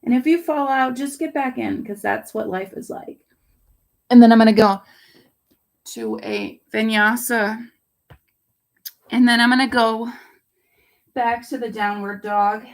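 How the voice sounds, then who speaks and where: A woman leads a home yoga flow, calmly calling out poses and breath cues with plenty of ums. Her voice sits a little high and has a gravelly, raspy edge. She is congested from pollen and speaks into a laptop mic. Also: unhurried, pauses often. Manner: relaxed, cueing poses with fillers. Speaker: yoga instructor. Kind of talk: guided yoga class. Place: home under construction. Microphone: laptop camera.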